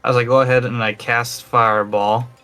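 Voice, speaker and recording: A man's voice: medium pitch, level tone, moderate pace, pushed and bright, smooth, soft background music. A man playing a tabletop game with friends, rambling and flustered as he corrects himself. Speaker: player. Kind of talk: casual tabletop play over voice chat.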